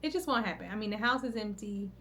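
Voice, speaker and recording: A worn-out woman in middle age talks straight to camera from her home, chatty and loose, often breaking off mid-thought and circling back. Her voice sits at an ordinary middle pitch, with a faint hiss of noise behind it. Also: animated, fast talker, a bit bright. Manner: chatty, rambling and self-interrupting, thinking aloud. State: tired, out of breath at times. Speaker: content creator vlogging her routine. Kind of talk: casual vlog talk to camera. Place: at home, indoors.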